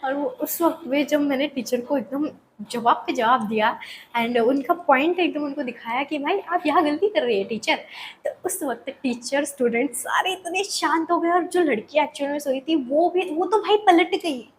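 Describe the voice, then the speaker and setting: A young woman telling a personal story in a casual, animated way, often slipping English words and phrases into her talk. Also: high-pitched, moderate pace, slight background noise, low-quality recording. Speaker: vlogger.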